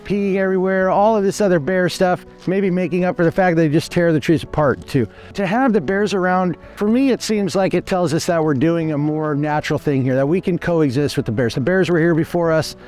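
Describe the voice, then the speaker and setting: Standing outdoors by a creek, a hatchery manager in his forties explains the fish hatchery on a tour. His somewhat high, slightly mellow voice runs a little fast with few pauses, over faint background music. He is matter-of-fact and earnest, and he restarts his sentences often.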